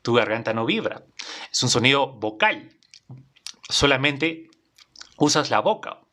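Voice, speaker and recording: A man's voice: mid-range voice, animated, unhurried, sharp tone. A man teaching an English class in Spanish, patient and repetitive, often checking in with his students. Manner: patient, repeats phrases, checks in with "¿vale?".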